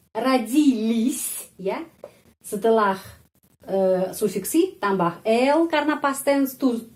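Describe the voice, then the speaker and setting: A woman teaching a language lesson, explaining step by step and repeating each example word slowly and carefully. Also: fairly high pitch, darkish tone. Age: adult.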